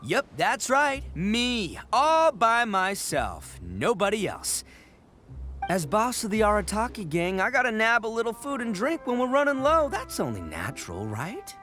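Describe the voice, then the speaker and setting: A loud cocky gang boss, stumbles over words, voice jumps around, music under it. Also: male voice, sits high, wildly swooping pitch, a little slow, exaggerated voice. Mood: boastful. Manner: blustering, stammering, laughing between words. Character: brash young male gang boss, boastful and goofy. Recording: game cutscene audio with music behind.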